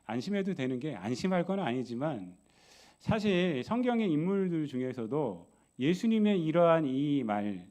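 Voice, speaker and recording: A man preaching a sermon as pastor, telling Bible stories in a lively way and acting out their voices with many rhetorical questions. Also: a little high.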